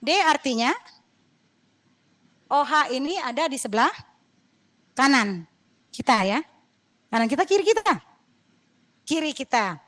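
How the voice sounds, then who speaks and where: Brief: middle-aged female lecturer, high voice, talkative and digressive, firm with her class. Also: lively intonation, measured pace, pauses often, fairly bright tone. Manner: chatty, digressive, mildly scolding. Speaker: university lecturer.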